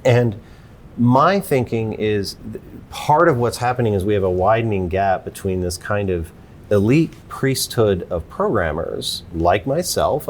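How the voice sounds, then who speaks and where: A man's voice: on the low side, a little mellow, slight background noise. A man in his forties, an interview guest, explaining his ideas thoughtfully in casual conversation with frequent restarts.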